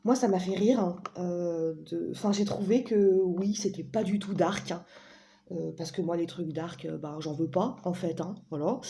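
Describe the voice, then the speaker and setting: A chatty, playful woman with a mellow, warm voice talks casually to her viewers, full of fillers and self-corrections. Her pitch sits in an ordinary middle range. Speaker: vlogger presenting an oracle deck. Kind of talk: casual chat.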